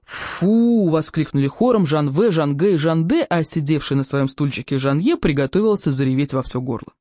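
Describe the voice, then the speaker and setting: A reader narrating a children's book in a lively storytelling manner. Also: mid-range voice, brisk, no room sound, clean studio sound. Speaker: audiobook reader.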